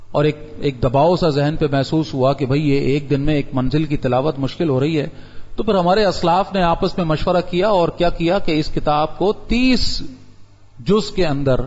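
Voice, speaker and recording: A man preaching a sermon, explaining with rhetorical questions and rising to emphatic peaks. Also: on the high side. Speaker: Islamic preacher. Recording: dull reverberant hall sound.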